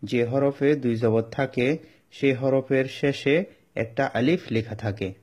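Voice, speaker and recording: A man with a Bangladeshi Bengali accent leads a Quran reading class at a mid pitch. He explains each rule step by step in a patient tone and repeats it several times so learners can follow. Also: darkish tone. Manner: drawn-out chanted Arabic examples. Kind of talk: step-by-step recitation lesson.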